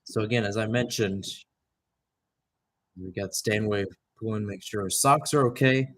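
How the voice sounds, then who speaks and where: A young adult man with a fairly low, fairly bright voice calls live soccer play-by-play, radio-style, at a moderate pace. His tone is conversational, and he supplies background details between the action.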